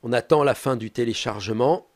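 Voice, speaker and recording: A man presenting a step-by-step tech tutorial, talking calmly with frequent hesitant filler pauses. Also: mid-range voice.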